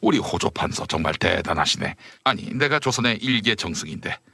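A man voicing a gruff, vain elderly male chief minister in a satirical period-drama parody, grumbling in a very deep drawl. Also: expressive, a little fast, pushed and bright, no room sound, full character voice. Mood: sarcastic. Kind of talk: satirical Joseon-era costume parody.

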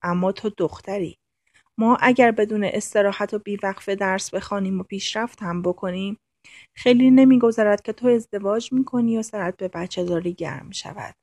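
A woman voicing a revered older male scholar in an audiobook, calm and kindly. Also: mid-range voice, dry recording, studio quality, lightly acted. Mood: gentle. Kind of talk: audiobook narration.

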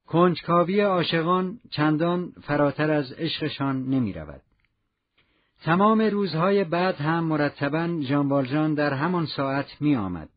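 A man narrating a classic novel in measured, literary scripted narration. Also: a little high. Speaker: audiobook narrator. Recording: dull lo-fi recording.

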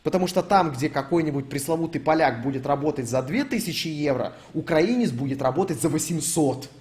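A man's voice: on the high side, expressive, a little fast, a little mellow. A young man streaming, reading out donations and ranting in a casual, profane, rambling way. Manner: swears a lot, rambling with fillers.

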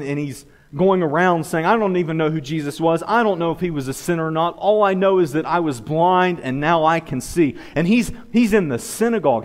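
Pastor guy preaching, kinda high voice, big hall echo, pleads a lot and trips over his words. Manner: earnest, pleading preacher with repeated restarts. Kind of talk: sermon. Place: church sanctuary. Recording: long hall reverb.

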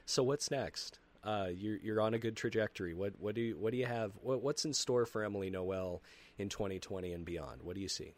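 A man hosting a casual interview, laid-back and chuckling, with a slightly rough morning-after voice and halting restarts. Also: fairly low pitch. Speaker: interview host.

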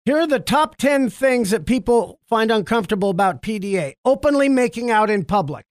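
A man's voice: high-pitched, expressive, brisk, dry recording, studio quality. A man hosting a radio show, chatting casually and teasing his wife on the phone. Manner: joking, teasing, playful. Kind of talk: casual morning radio banter.

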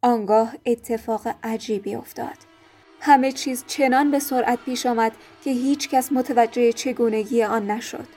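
Calm woman storyteller, mellow higher voice. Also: soft background music. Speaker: audiobook narrator. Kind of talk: scripted audiobook narration.

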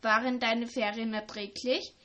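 A woman reading the part of an excited, gossipy teenage schoolgirl in a storybook. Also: fairly high pitch, a little slow.

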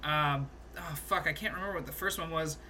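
A young man co-hosting a podcast, casually recounting movie scenes in an animated way, laughing and swearing now and then. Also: fairly high pitch, fairly quick, a little hiss or hum. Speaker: podcast co-host. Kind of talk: casual movie review chat.

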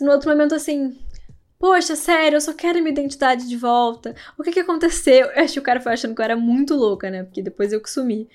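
High-voiced chatty young woman. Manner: chatty, animated, laughing, quotes people in raised voices. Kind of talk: casual storytelling to viewers.

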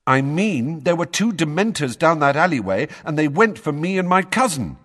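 A man's voice: on the high side, big pitch swings, moderate pace, fairly bright tone, in a large hall, voice pushed up. A man voicing an impatient, desperate fifteen-year-old boy on trial. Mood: insistent. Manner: insistent, urgent.

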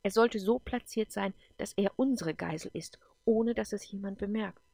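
A woman's voice: mid-range voice, normal speed, gravelly, a little mellow, dry recording. A woman voicing an emotional, defensive female leader in an audiobook, talking heatedly and then apologetically. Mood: focused.

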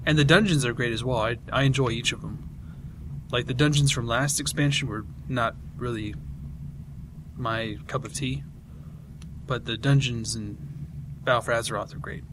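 Man from Britain, podcast co-host, casual gaming chat, rambling, even mid pitch. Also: normal speed, long pauses, background noise. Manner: enthusiastic, rambling explanations with many fillers.

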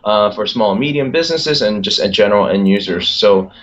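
A man in his thirties from Philadelphia, a company executive chatting as a guest in an interview over a video call, relaxed and quick to laugh. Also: on the low side. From Philadelphia, United States. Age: 30s. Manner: laughs often, relaxed with fillers. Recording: dull lo-fi call audio.

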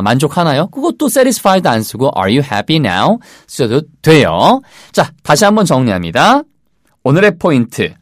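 A man with a Korean accent teaching English in a casual lesson, drilling phrases slowly and rhythmically. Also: mid-range voice, no echo, studio quality.

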